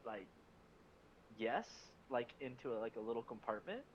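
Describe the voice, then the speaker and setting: A man chats casually as a player in a tabletop game. He speaks haltingly, feeling for words, with clear noise behind him. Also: mid-range voice, very animated, muffled recording.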